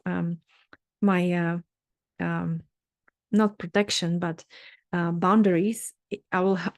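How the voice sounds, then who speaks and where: A middle-aged woman with a Czech accent teaches a workshop session, earnest and halting, often restarting her sentences. Her pitch stays level and even. The recording is dry and close. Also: no room sound. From Czech Republic. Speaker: dermatologist leading a workshop. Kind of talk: workshop talk.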